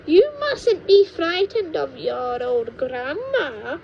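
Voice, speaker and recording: A woman voicing a sinister, witchy old grandmother in a storybook, menacing and secretive, with a drawn-out delivery. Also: big pitch swings, creaky, muffled recording, heavily acted. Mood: creepy, coaxing. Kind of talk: storybook character voice in an audiobook reading. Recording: noisy low-quality home microphone.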